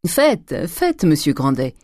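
A stiff, pompous provincial judge who speaks in sententious, formal phrases, as a reader puts him on. The tone stays dark and mellow in a dry recording. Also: medium pitch, wildly swooping pitch, takes it slowly, dry recording, exaggerated voice.

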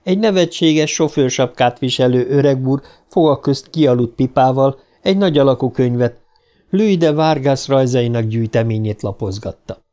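A man's voice: medium pitch, warm tone. Man narrating an audiobook. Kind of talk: scripted narration.

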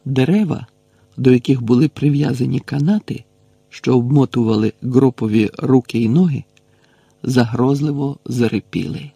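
A man narrating an audiobook in a measured storytelling manner. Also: medium pitch, vocal fry, warm tone, husky, dry recording.

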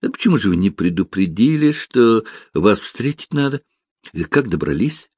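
A man voicing a nervous, jittery male factory lawyer in an audiobook, flustered and turning shrill when upset. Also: big pitch swings, normal speed, darkish tone, no room sound, clean studio sound.

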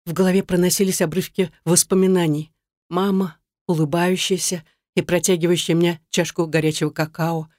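A woman's voice: on the low side, flat delivery, normal speed, a little mellow, no room sound, clean studio sound. A woman reading a dramatic first-person story aloud. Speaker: narrator.

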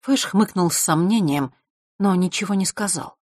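A woman narrating an audiobook in a measured, even storytelling manner. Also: lowish voice, no echo, clean studio sound. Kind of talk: scripted narration.

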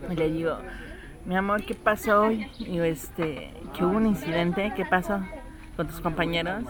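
A woman's voice: on the low side, normal speed. A woman telling a family story in casual chat, acting out the voices of her child and others.

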